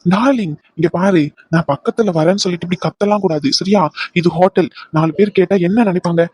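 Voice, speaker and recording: A smug cartoon villain, voiced by a performer, threatening and condescending in a mid-pitched voice. The recording is dry and close, with no room around it. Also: brisk, darkish tone, husky, no echo, lightly acted. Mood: menacing. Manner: menacing, condescending. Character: arrogant rich male villain, leering. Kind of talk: cartoon voice acting.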